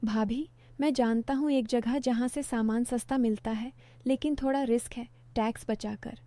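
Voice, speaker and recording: A smooth-talking greedy young man, coaxing and wheedling in a storybook tale, as a woman narrator reads his lines. The voice sits fairly high and mellow. It is recorded dry and close. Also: steady tone, moderate pace, no echo, close to an everyday voice. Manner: persuasive, wheedling.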